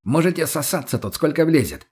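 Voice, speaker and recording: A man's voice: fairly high pitch, very animated, brisk, darkish tone, slightly rough, voice pushed up, full character voice. A man voicing a crude, foul-mouthed young slacker who taunts and swears. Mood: scornful.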